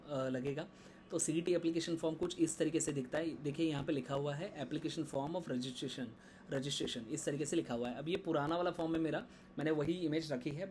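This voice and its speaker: A man's voice: a little high, darkish tone, a little hiss or hum. A man giving a casual tutorial on admission paperwork, stopping often to check in with his viewers. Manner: conversational, code-switching in English, frequent "theek hai" check-ins. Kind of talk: screen-share explainer lesson.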